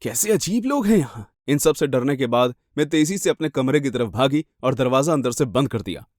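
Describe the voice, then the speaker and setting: A man's voice: medium pitch, fairly quick, no room sound, clean studio sound. A man reading a first-person horror story with dramatic, suspenseful delivery.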